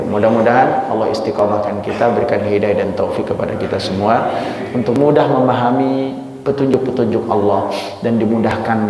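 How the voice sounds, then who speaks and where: A man giving a sermon as a religious teacher, swinging his pitch dramatically and speaking straight to his listeners. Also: a little mellow. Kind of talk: mosque sermon on a Quran chapter. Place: mosque hall. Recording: echoey mosque hall, faint ambience.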